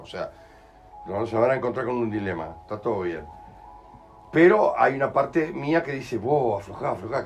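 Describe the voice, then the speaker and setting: A man with a Rioplatense Spanish accent leads a group, explaining in an animated way, acting out quoted voices and often checking that listeners follow. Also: on the low side, slight background noise. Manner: animated, acts out quoted voices, keeps asking "¿entendés?". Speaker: group workshop leader.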